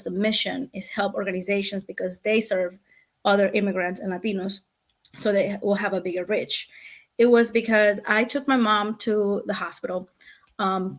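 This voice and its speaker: Animated woman in her thirties, from Venezuela. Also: medium pitch. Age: 30s. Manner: animated storyteller, quick and laughing often. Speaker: guest, founder of a language access business. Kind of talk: casual interview chat.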